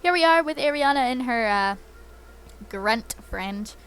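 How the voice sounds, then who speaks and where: A woman's voice: a little high, expressive, a little slow, a bit bright, clear, resonant tone. A woman playing a video game and chatting casually as she plays, giggling often. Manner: chatty and giggly, lots of fillers. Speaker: let's play host.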